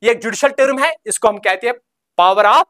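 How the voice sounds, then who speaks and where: A male coaching teacher delivers a recorded lecture in a steady, drilling manner. He reads key terms out slowly and repeats them, then fires short questions at the class and answers them himself. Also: extremely high pitch. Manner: keeps telling students to remember.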